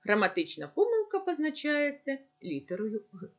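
A woman teacher giving a recorded school lesson, dictating slowly and stressing each word with care. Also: sits high, wildly swooping pitch, dull audio. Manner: slow, deliberate dictation with careful stress.

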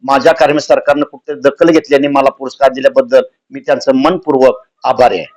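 A man's voice: mid-range voice, steady tone, brisk, a little mellow, low-quality recording. A man, a retired soldier giving earnest interview answers and often restarting phrases. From Sangli district, Maharashtra. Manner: earnest, repeats and restarts phrases, rises when stressing points.

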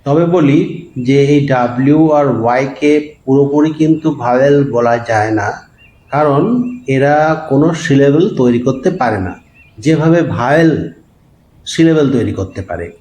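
A man's voice: medium pitch, normal speed, darkish tone, echoey room, rough recording. A male teacher patiently explaining grammar step by step to students. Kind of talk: classroom grammar lesson.

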